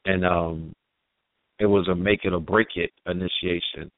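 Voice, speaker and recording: A man in his forties hosting a radio talk show, speaking in a relaxed, laid-back way with drawn-out phrasing. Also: low-pitched, no room sound. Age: 40s. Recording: dry phone-line call audio.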